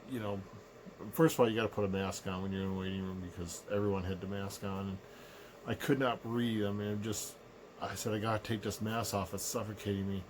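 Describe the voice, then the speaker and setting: Middle-aged man, sick with a sore throat, low unhurried vlog rant, some room noise behind him. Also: fairly even intonation, low-quality recording. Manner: low, unhurried, subdued delivery. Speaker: vlogger. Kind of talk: casual personal rant to camera. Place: small living room indoors.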